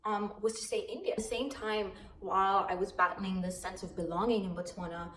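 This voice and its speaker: A woman's voice: medium pitch, steady tone, fairly quick, fairly bright tone, a little hiss or hum. A young woman from Zimbabwe telling her personal story in a casual, reflective vlog, with frequent fillers. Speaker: vlogger. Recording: echoey room with faint ambience.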